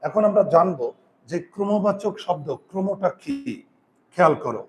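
High-voiced man teaching grammar. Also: animated. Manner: repeats key terms slowly and asks students to write them down; counts aloud and asks rhetorical check questions. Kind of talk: classroom-style grammar lesson.

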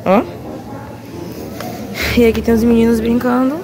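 A young woman chatting excitedly in a casual vlog, often dropping to whispered asides, filmed on a handheld phone as she walks outdoors and through a big house. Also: on the high side, measured pace, crowd noise. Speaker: vlogger. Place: outdoors walking a street, then inside a large house.

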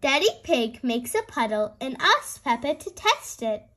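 A woman reads a picture book aloud to young children, telling the story in an animated, deliberate way. Her voice sits high.

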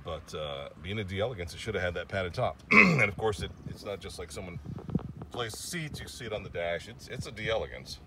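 A classic car vlogger with a deep, expressive voice casually narrates a walkaround of an old car outdoors over a noisy background. He rambles and chats, pausing with fillers and restarting often.

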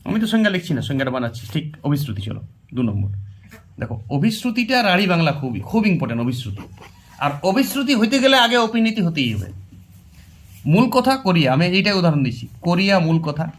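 A man's voice: high-pitched, very animated, quick pace. A man teaching an exam-prep Bengali grammar lesson, emphatic and repetitive, speaking directly to his students. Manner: emphatic, repeats key words, addresses students directly.

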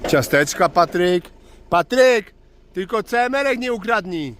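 A man's voice: high-pitched, animated, a little slow, a bit bright. Casual, swearing man telling road stories. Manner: rambling, swears freely, calls listener "chłopie". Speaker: vlog host, tow truck driver. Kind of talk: casual storytelling to camera.

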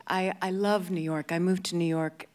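A woman in her fifties, born in England and raised in Canada, is a guest actress in an interview on a large festival stage before an audience. Holding a handheld mic, she speaks hesitantly with many restarts and fillers, her voice on the low side, steady, a little mellow and at normal speed.

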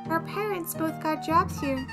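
A woman's voice: extremely high pitch, unhurried, over loud music, pitched above the performer's own voice. A woman voicing a chatty, eager, gossipy young bat in a game. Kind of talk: game dialogue read aloud in character.

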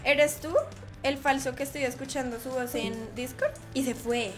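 A woman's voice: high voice, fairly even intonation, normal speed, loud music behind the voice. A woman streaming a game live, teasing and chatting playfully with her viewers.

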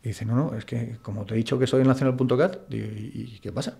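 Speaking fast at a medium pitch, this man has a warm tone, vocal fry and fairly even intonation. He's a Spanish interview guest from Madrid, chatting casually in a blunt, colloquial way full of "tío" and "macho."

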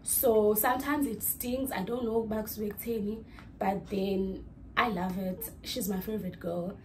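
A young adult woman with a mid-range voice and steady tone talks at a measured pace in a casual vlog. As a student vlogger in her small dorm room, she rambles and corrects herself while addressing a phone camera at arm's length. Slight background noise can be heard.

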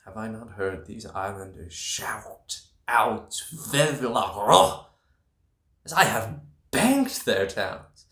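A man's voice: on the low side, expressive, takes it slowly, pushed and bright, exaggerated voice. A man in his twenties playing a proud, defiant young prince in a Shakespearean monologue, declamatory and formal. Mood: proud resolve. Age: 20s. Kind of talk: Shakespearean stage monologue, self-taped. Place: indoors, small room against plain backdrop. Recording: roomy, echoey small room.

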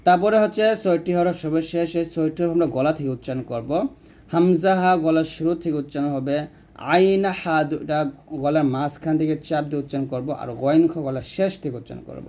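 In a careful pronunciation lesson, a man who teaches Quran recitation breaks down each sound, then models the practice syllables at a very slow, drawn-out pace. For a man his voice is a little high, yet dark and mellow.

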